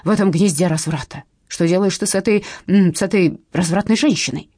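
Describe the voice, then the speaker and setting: A woman voicing a furious middle-aged mother-in-law who shouts insults loudly and slowly. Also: on the low side, husky, dry recording, clean studio sound. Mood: indignant. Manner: loud, slow, drawn-out shouting.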